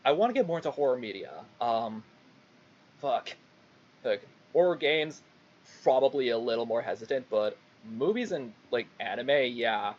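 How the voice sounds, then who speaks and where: A man's voice: medium pitch, animated. A young adult man giving a casual, rambling livestream monologue, stopping and restarting often and swearing freely. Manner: halting, rambling, frequent swearing. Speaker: VTuber streamer. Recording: dull lo-fi mic, faint background noise.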